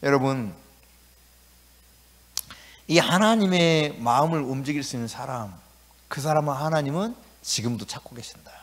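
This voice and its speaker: A male pastor preaching a sermon in a lively, conversational way in a church. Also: mid-range voice, moderate pace, pauses often. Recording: echoey church hall.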